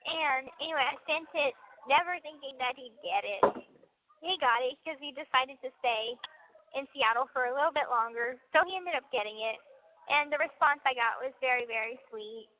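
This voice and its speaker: High-voiced woman on a tinny payphone call. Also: normal speed, slight background noise. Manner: rambling, chatty, laughs easily. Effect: prison payphone call line. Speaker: caller from a correctional facility. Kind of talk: casual phone chat.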